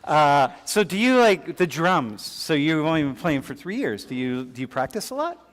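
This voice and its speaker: A man's voice: on the high side, big pitch swings, normal speed, a bit bright. A male professor lecturing a class in a casual, conversational way, full of fillers and restarts. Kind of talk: classroom lecture with student questions. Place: large lecture hall. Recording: long hall reverb.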